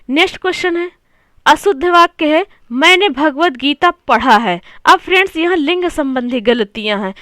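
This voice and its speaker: A woman with a high voice teaches an exam-prep grammar lesson. She repeats her phrases, asks rhetorical questions and keeps calling her viewers friends. The sound is dry and close, with no room echo. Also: fairly bright tone.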